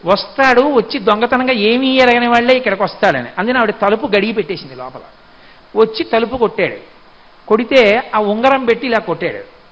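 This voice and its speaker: A man giving a devotional discourse, retelling a sacred story in an animated way. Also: extremely high pitch, fairly quick, lo-fi sound. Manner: animated storytelling, acts out voices. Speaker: spiritual discourse speaker.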